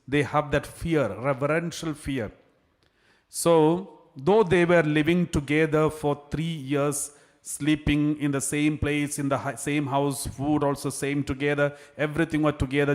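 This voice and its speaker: A man serving as priest, reading the gospel and preaching in an earnest, measured way with frequent restarts. His voice carries a cathedral echo from a large church. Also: fairly high pitch. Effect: cathedral echo, long church reverb. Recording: long hall reverb in a church.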